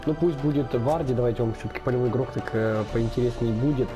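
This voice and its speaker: Speaking fast over music, a young man hosts a let's-play of a football management game on his gaming channel. His mid-range voice is somewhat affected by being slightly ill, and his casual thinking-aloud is packed with fillers.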